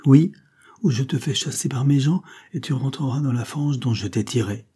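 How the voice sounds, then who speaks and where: A man reading an audiobook, voicing a furious, imperious Creole woman in a sharp, commanding manner. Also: mid-range voice, moderate pace, breathy edge, voice pushed up, natural voice.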